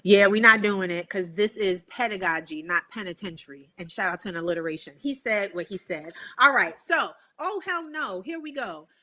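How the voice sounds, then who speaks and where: A woman's voice: mid-range voice, animated, a little fast, hardly any pauses, sharp tone. A woman hosting a podcast, talking in an emphatic, playful and slangy way. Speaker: podcast host. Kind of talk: casual podcast chat.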